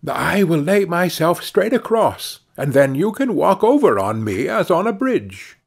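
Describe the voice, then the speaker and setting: Storybook straw, male reader: plaintive yet helpful survivor, formal phrasing, husky tone, lively melody. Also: fairly high pitch, a little slow, voice pushed up, exaggerated voice. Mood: eager, helpful. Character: talking straw, lamenting lost brethren, hopeful and helpful.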